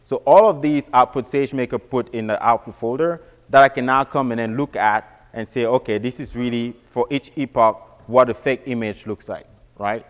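A man's voice: medium pitch, moderate pace, in a large hall. A man giving a casual technical walkthrough, often repeating words and restarting phrases. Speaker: presenter.

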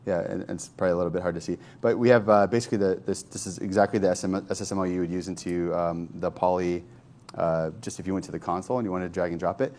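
A man casually demonstrating software on screen, thinking aloud in a loose, conversational way. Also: deep voice, fairly even intonation, quick pace. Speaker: software developer demoing a tool. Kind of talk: informal screen-share tech demo.

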